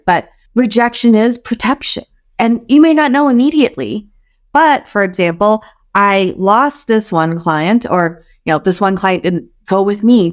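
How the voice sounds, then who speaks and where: A woman hosting a podcast, chatty and upbeat, telling personal stories in casual conversation. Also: medium pitch. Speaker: podcast host.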